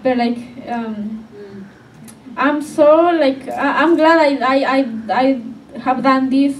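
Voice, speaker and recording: A young woman, a native Spanish speaker with a high voice, answers questions at a public event as an author sharing her story. Her English is halting, hesitant, and full of fillers. The recording from the community media event room sounds distant and echoey, with faint noise.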